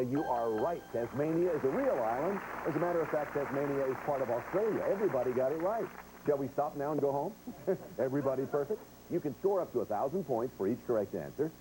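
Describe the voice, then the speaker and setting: A man's voice: medium pitch, background noise. A man hosting a game show, chatting directly to players and viewers as he explains rules and reads quiz questions. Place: television studio.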